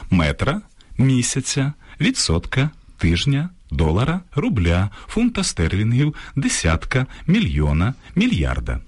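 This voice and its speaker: A man presenting a scripted radio talk on grammar, reading out word lists in a measured way. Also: mid-range voice, wildly swooping pitch, breathy edge. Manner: measured, lists examples slowly. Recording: radio studio broadcast.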